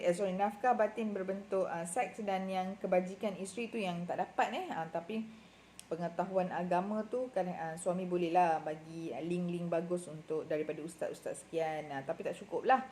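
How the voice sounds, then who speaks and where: A woman's voice: medium pitch, dark tone, a little hiss or hum. Chatty Malaysian Malay woman giving advice. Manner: chatty, many fillers and self-corrections. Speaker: marriage and relationship advisor. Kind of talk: casual advice talk.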